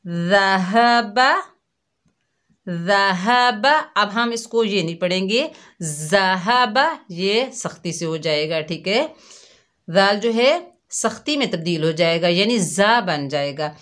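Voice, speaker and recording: A woman's voice: fairly low pitch, expressive, measured pace. A woman with a Pakistani Urdu accent teaching Quran pronunciation to children, drawing out each syllable and repeating drills patiently. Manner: addresses pupils warmly as dear children. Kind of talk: slow, patient tajweed lesson for children.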